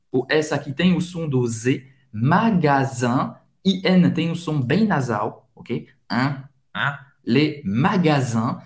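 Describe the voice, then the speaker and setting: Man teaching slowly, lively pitch. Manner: slow, drawn-out pronunciation drills with lively pitch. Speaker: French teacher. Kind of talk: language lesson. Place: room in France. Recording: echoey room.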